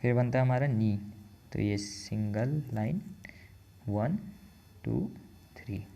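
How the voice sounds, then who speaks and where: A man's voice: medium pitch, slow, vocal fry, dark tone. A man teaching a writing lesson, patiently counting out each stroke aloud as he explains. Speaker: language teacher.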